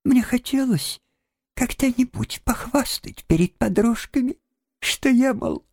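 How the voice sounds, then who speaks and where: A man doing a shrill, panicky toad in falsetto. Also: darkish tone, no room sound, clean studio sound. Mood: coaxing, pleading. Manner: shrill, simpering falsetto in disguise. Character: boastful male toad, panicky, disguised as washerwoman. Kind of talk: audiobook character voice.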